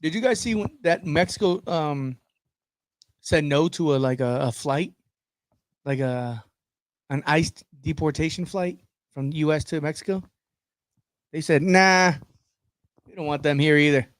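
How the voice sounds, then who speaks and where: A man's voice: fairly high pitch, unhurried, pauses often, no echo. Joking, crude podcast co-host man. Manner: crude, joking, bursts into loud laughs. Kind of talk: casual chat.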